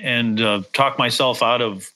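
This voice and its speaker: This is casual chat from a middle-aged man from Wisconsin who plays guitar and has a slight Upper Midwest accent. He talks unhurriedly in a medium-pitched, sharp voice, rambling, poking fun at himself and restarting many times, on poor-quality audio.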